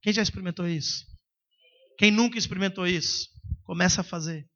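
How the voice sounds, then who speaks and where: A man preaching a sermon as pastor, emphatic and at times breaking into shouts. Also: high-pitched, a little fast, highs cut off.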